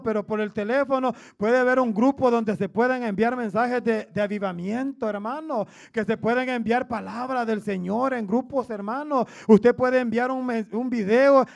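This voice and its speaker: Male preacher with a big, booming voice that sits very high, with some grit in it. Keeps calling the congregation "brother" in every line. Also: gravelly. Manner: says "hermano" after nearly every phrase; loud, booming voice. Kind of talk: sermon.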